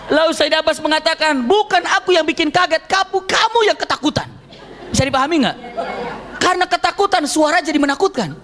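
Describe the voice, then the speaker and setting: Man, high pitch, lively intonation, jokey religious storytelling, handheld mic. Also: slight background noise. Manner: animated, jokey, acts out scenes. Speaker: preacher. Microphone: handheld microphone.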